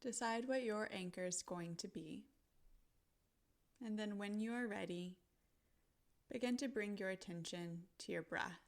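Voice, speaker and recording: Speaking at medium pitch, she narrates a guided visualization softly and calmly, pausing on purpose after each brief phrase.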